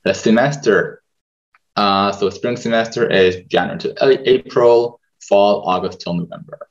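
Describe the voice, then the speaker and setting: A man, hosting a webinar over a video call in a relaxed manner with many fillers. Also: on the low side, measured pace. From Israel. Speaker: webinar host, medical student. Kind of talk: presenting a webinar over slides. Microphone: video call webcam. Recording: dull video-call audio.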